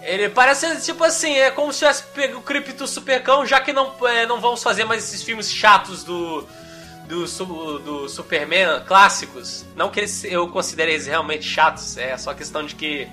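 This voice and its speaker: A Brazilian man co-hosting a podcast, chatting casually in an animated, rambling way. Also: sits high, normal speed, faint music behind. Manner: animated, rambling, fillers of "cara". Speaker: podcast host. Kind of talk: casual chat.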